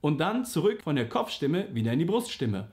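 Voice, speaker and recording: A man's voice: fairly high pitch, very animated, a little fast, a little mellow. A man teaching a singing lesson, explaining simply and patiently, and sometimes singing vowel slides to show an exercise. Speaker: vocal coach.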